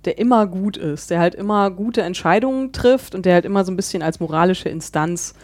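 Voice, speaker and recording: A woman hosting a casual podcast, playful and quick to laugh, steering the talk with questions. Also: fairly low pitch, darkish tone, dry recording. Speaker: podcast host.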